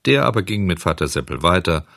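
Male audiobook narrator, expressive, dry close recording. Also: sits low, creaky, no room sound. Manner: measured, expressive storytelling. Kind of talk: audiobook reading of a children's story.

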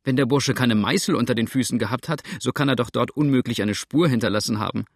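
A man's voice: medium pitch, fast talker, slightly rough, no room sound, clean studio sound. A man voicing a doubtful, puzzled male companion in an audiobook, asking skeptical questions. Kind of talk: audiobook character reading.

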